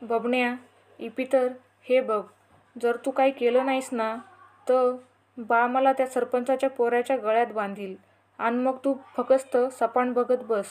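A woman voicing a headstrong young village woman who talks in sharp, bossy rustic speech. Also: a little high, fairly even intonation, measured pace, close to an everyday voice. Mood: defiant.

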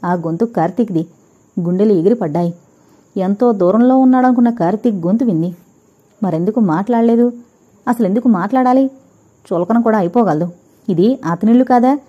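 A woman reading a dramatic audio novel, voicing every character's dialogue herself with gentle shifts. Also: medium pitch, husky, dull audio. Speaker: audiobook narrator.

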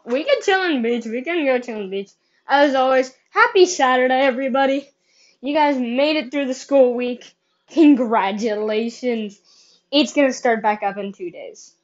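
A woman's voice: high voice, normal speed, highs cut off. Chatty woman streamer on a headset mic. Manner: chatty and upbeat. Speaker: livestream host. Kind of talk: live gaming stream chatter.

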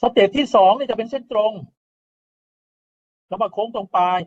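The audio is dull as a high-pitched, slightly mellow-voiced man gives an informal engineering lecture at normal speed. Explaining step by step, he regularly checks in with "right?" and includes polite particles.

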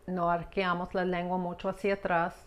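A woman giving a patient pronunciation lesson, repeating words slowly and checking in with "ok?" after each step. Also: fairly low pitch, flat delivery. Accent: American English accent on the English words. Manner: patient, drills words slowly, asks "¿ok?" often. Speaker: English pronunciation teacher.

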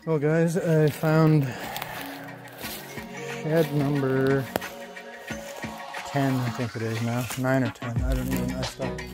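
A man's voice: medium pitch, flat delivery, takes it slowly, pauses often, music in the background. A man in his thirties from Canada talking casually and enthusiastically in slangy, folksy phrases as an outdoor vlogger. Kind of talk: casual vlog commentary while shed antler hunting. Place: outdoors on wooded, rocky hillsides. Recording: clearly noisy outdoor handheld recording.

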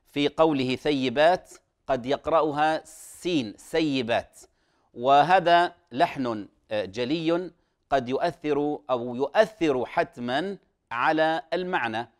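Male recitation teacher, slightly high voice, patient explainer, hesitant fillers, slow drawn-out demonstrations. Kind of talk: televised recitation lesson.

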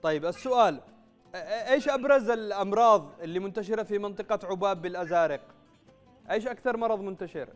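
A man's voice: sits high, fast, soft background music. A man in his thirties with a Yemeni Arabic accent, presenting a live TV call-in quiz and announcing prizes. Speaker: TV quiz show host. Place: TV studio.

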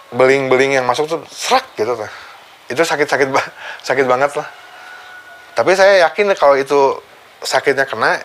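A man, casually recounting a personal story for his vlog, animated and chuckling now and then. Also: mid-range voice. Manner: animated, chuckles while telling, acts out the quoted voices. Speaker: vlogger recounting his accident.

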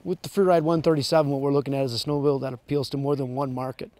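A man's voice: medium pitch, flat delivery, very fast, darkish tone, no echo. A man from the maker showing off a snowmobile outdoors in the snow, explaining its features plainly. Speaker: manufacturer product rep. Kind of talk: product walkaround explanation. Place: outdoors in snow at a sled event.

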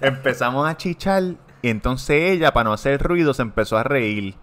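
A man, co-hosting a casual podcast and telling crude, animated stories. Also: medium pitch, moderate pace. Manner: animated, profane storytelling. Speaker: podcast co-host. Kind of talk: casual chat.

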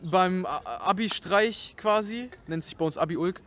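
A man's voice: high voice, a little slow, a bit bright. A young man, a rapper, chatting casually in slang in an interview. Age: young adult. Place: outdoors in a leafy park. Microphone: shared handheld interview microphone.

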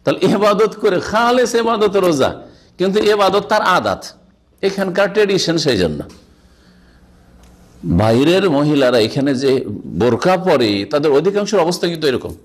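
A man from Bangladesh delivers a sermon on a hadith, his voice sitting a little high. He explains step by step, often quoting Arabic and then asking his listeners rhetorical questions. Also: expressive, moderate pace, pauses often. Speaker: Islamic scholar giving a religious lecture.

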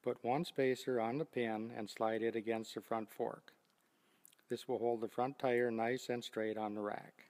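An older man giving a steady, scripted step-by-step demonstration of loading bikes onto a rack. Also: medium pitch, unhurried, big-room sound. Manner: steady, methodical step-by-step explaining. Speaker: product demonstrator. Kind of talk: scripted instructional narration.

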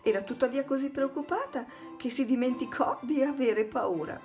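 A woman's voice: high-pitched, normal speed, darkish tone, soft background music. A woman narrating a children's storybook, reading aloud expressively and dramatically.

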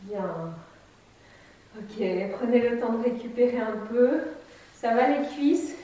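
Demonstrating as she goes, a thirties-aged fitness instructor calmly walks through a chair exercise class step by step at a slow pace, in a high voice. The camera mic sits far away in a bright, empty room with a wooden floor, leaving the voice echoey and distant.

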